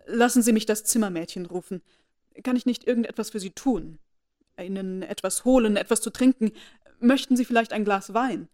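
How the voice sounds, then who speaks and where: A woman reading aloud, voicing a reserved, proud young gentleman who speaks with restrained earnestness. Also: medium pitch, a little fast, lightly acted. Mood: solicitous.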